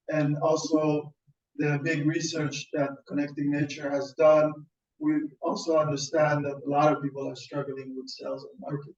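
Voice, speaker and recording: Guy from iran raised in sweden doing a webinar, kinda high voice, flat delivery, stumbles and repeats himself, sounds far off and roomy. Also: lo-fi sound. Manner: halting, repeats words and restarts often. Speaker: founder presenting a webinar. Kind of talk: webinar talk.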